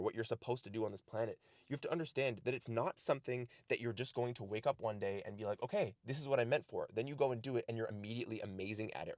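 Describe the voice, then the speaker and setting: Fast-talking earnest man giving life advice. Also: medium pitch, darkish tone, no echo, studio quality. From Canada. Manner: earnest, repeats "right?" and "the reality is". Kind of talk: casual motivational talk to camera. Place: outdoors in snow.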